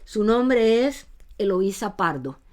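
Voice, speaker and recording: Halting woman host introducing a guest. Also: medium pitch, animated, a little mellow. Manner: halting, self-correcting. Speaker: program host.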